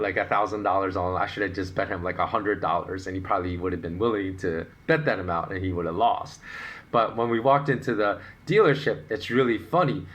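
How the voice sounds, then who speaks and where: Opinionated podcast host, lowish voice. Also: male voice. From United States. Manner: animated, opinionated explaining with rhetorical questions. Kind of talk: solo podcast monologue.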